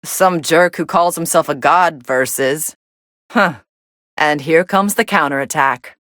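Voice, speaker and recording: Fighting game role: sardonic young android woman, lowish pitch, dry studio sound, dismissive commentary. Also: measured pace, no room sound. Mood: dry, unimpressed. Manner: deadpan, dismissive.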